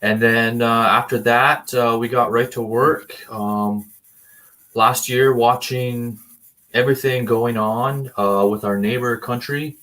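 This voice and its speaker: A man's voice: mid-range voice, steady tone, slow pace, a bit bright. A young man from Canada, a band member guest, talking about his music in a laid-back, easygoing way with lots of filler words. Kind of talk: casual interview chat.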